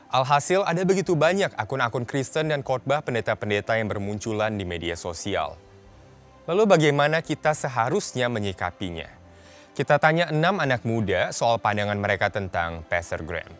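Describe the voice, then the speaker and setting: A man's voice: medium pitch, expressive, fairly quick, a bit bright. A man reading a scripted, formal introduction to a youth discussion show, with music underneath. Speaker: show narrator. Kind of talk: scripted narration.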